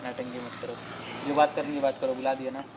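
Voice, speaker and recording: A man's voice: medium pitch, little pitch movement, quick pace, a little mellow. A young man in a prank video, coaxing and bossing his friend along. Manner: bossy, coaxing, hurrying others. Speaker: prank co-host. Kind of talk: casual prank banter. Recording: noisy street background.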